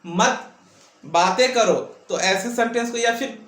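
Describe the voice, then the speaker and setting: High-voiced man teaching grammar in a roomy echo. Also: fairly bright tone. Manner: asks and answers his own questions, drawn-out words. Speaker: English teacher. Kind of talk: classroom grammar lesson. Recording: echoey room, mic at a distance.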